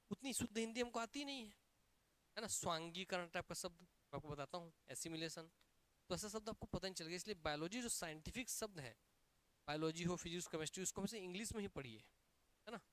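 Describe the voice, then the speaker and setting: A male coaching teacher with a Chhattisgarhi Hindi accent delivers a lively classroom lecture, drilling his students with repeated questions and answers. His voice sits high and he talks fast, with an energetic, emphatic manner.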